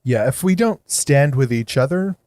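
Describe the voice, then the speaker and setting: A man's voice: medium pitch, animated, moderate pace, darkish tone, no echo. A man co-hosting a podcast who teases his partner in a playful way and laughs easily. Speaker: podcast co-host. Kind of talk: casual podcast chat.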